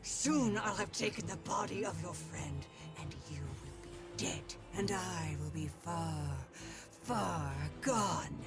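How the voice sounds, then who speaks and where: Creepy game witch villain, disguised deep voice like a voice changer, slow drawn out taunting, music behind. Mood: menacing. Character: sinister melting witch woman, cruel and taunting. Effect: disguised deep voice, pitched down like a voice changer.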